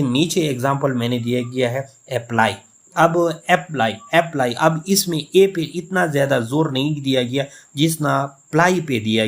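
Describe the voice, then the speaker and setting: Patient male lecturer, steady voice. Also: mid-range voice. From Pakistan. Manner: explains patiently, restating points and repeating example words. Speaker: English literature professor. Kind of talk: recorded lecture.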